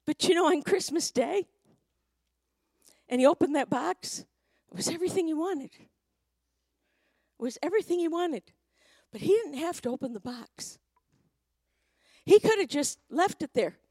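Middle-aged woman, high voice, dry close sound, story-driven sermon rising to fervent preaching. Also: animated, measured pace, long pauses, no room sound. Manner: builds to loud fervent preaching; acts out quoted speech in storytelling.

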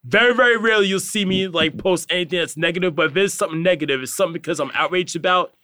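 A man's voice: sits high, very fast, bright, forceful tone, dry recording, studio quality. A young man in his twenties, a podcast guest in casual chat, earnest and upbeat with many fillers.

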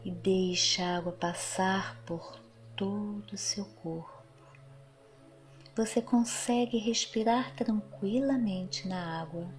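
A woman narrating a guided meditation in a soft, soothing, breathy voice that trails into a near-whisper, with long pauses. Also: mid-range voice. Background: music.

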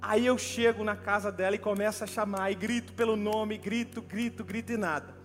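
High-voiced preacher in a hall. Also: male voice, brisk. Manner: animated storytelling, addressing listeners as brother. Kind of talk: sermon with personal story. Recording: long hall reverb with faint music.

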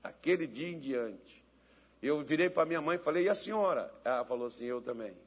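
A man preaches in a high, husky voice. He tells homely stories in a casual, conversational way. Then he leads the congregation in a loud, fervent prayer. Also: expressive, a little fast. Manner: folksy storytelling, laughing, rising to loud fervent prayer. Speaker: pastor. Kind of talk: sermon with storytelling and led prayer.

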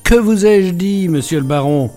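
A man's voice: sits high, animated, normal speed, mellow, faint music behind, voice pushed up. A man doing a dry, unflappable inspector. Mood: ironic calm. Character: calm, unflappable middle-aged male police inspector.

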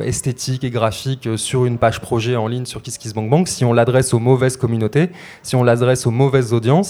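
A man's voice: medium pitch, darkish tone. A man coaching project creators, talking them through steps with many hesitations and rhetorical questions. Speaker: crowdfunding coach. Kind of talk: explanatory talk to creators.

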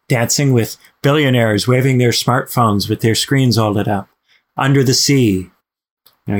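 A man, a podcast host and former lecturer, telling a long story in a rambling, casual way. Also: medium pitch. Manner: rambling, many "you know" fillers and restarts.

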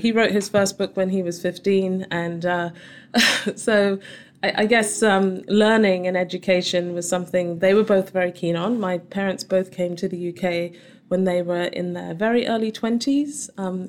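A woman's voice: medium pitch, fairly even intonation, moderate pace. A middle-aged woman from southern England with a home counties accent, answering interview questions in an articulate, explanatory, conversational way. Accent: southern English, home counties. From Surrey, southern England. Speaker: interview guest, company chief scientist. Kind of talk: conversational interview answers about personal background.

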